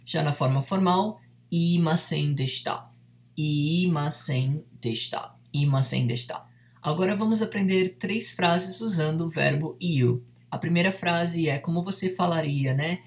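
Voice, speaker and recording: A Japanese teacher gives an online lesson, patiently repeating each word slowly and often checking in with tag questions. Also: mid-range voice.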